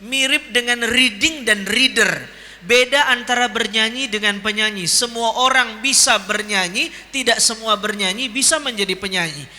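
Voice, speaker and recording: A male preacher with a high voice and very bright, sharp tone, speaking in a large hall that rings with long reverb. He teases and jokes with the crowd, asking questions and waiting for answers. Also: moderate pace. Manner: jokey and teasing, quizzing the crowd. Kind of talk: lively Ramadan sermon to an audience.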